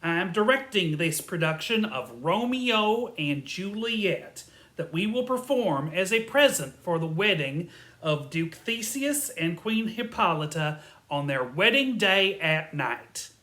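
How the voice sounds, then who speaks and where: In a comic audio drama, a woman plays an earnest, slightly bossy amateur theatre director, making deliberate, officious announcements. Her voice is on the low side and fairly bright, very animated, and fully in character.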